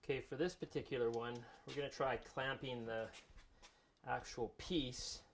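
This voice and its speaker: A man's voice: medium pitch, moderate pace. A man giving a casual woodworking tutorial in his workshop, talking easily while he files and sands. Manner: relaxed, talks while working with tools. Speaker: woodworking instructor. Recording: workshop noise under the voice.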